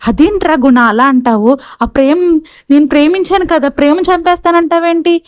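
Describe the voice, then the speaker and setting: A woman's voice: high voice, a little fast, no echo, clean studio sound, pitched above the performer's own voice, natural voice. A woman voicing a jealous, lovesick young woman who is vengeful, talking in a whiny, indignant way.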